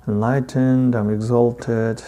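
Speaking in a flat, warm, mid-range voice, this Tibetan teacher has a heavy accent from his native language. His Buddhist dharma talk comes in halting, deliberate phrases with long pauses.

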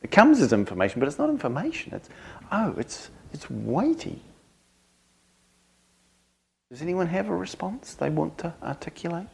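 A man speaking as a Dharma teacher to a group, earnest and reflective, in short halting phrases with thoughtful pauses. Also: fairly high pitch, big pitch swings, creaky, husky. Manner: grave, earnest. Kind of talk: reflective spoken talk to a group.

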